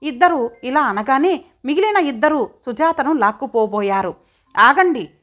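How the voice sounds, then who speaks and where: A woman reading a magazine story aloud as an audiobook narrator, in a steady, dramatic reading manner. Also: sits high, normal speed.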